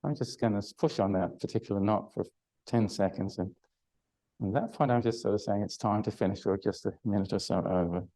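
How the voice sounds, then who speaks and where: Briskly and in a mellow, fairly low voice, an older Pilates instructor runs a live online exercise class over a low-quality recording. He rambles hesitantly with plenty of fillers and false starts, groaning from the effort of massaging himself.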